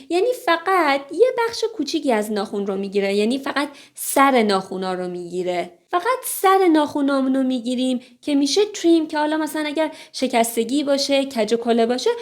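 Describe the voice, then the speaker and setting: A woman whose first language is Persian, teaching English phrases, saying each one slowly and explaining the rest briskly. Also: high-pitched. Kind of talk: language lesson.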